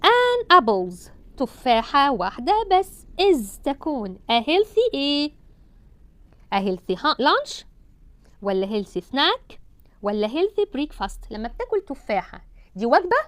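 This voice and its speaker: Egyptian woman English teacher, higher voice with a lively, swinging pitch, slow drawn-out English words, dry close sound. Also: dry recording. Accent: Egyptian Arabic. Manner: repeats English words slowly, drawn out, then translates. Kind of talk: Egyptian Arabic English lesson.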